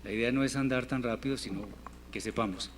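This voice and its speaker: A man teaching a Hebrew class in Spanish, patiently repeating words slowly for his students. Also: mid-range voice. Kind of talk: classroom language lesson. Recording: reverberant hall, faint room noise.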